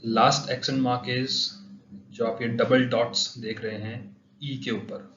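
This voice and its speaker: A man's voice: mid-range voice, little pitch movement, unhurried, fairly bright tone, slight background noise. A man teaching pronunciation, saying each example word twice for drilling. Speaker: language teacher. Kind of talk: pronunciation lesson. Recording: roomy, dull lo-fi sound.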